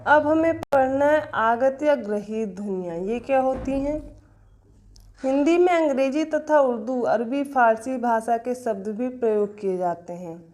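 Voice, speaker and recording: A woman's voice: fairly high pitch, a little slow, darkish tone, slight background noise. A woman teaching an exam-prep grammar lesson, explaining step by step and answering her own questions.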